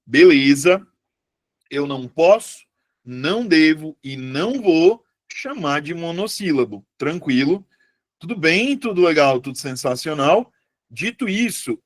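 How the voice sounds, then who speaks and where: A man teaching a live online Portuguese lesson, chatty and lively, often putting questions to his students. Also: fairly high pitch, unhurried, no echo, studio quality.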